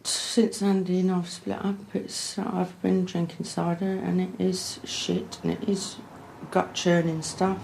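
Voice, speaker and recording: A woman's voice: lowish voice, little pitch movement, measured pace, gravelly, darkish tone, a little hiss or hum. A woman in a candid documentary interview, bluntly retelling a breakup, swearing and acting out what was said. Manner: blunt, swearing, acts out quoted exchanges. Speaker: documentary subject.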